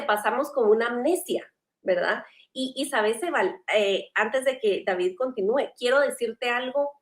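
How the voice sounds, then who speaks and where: A woman hosting a church panel discussion, earnest and conversational, asking pointed questions. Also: a little high. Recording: roomy echo.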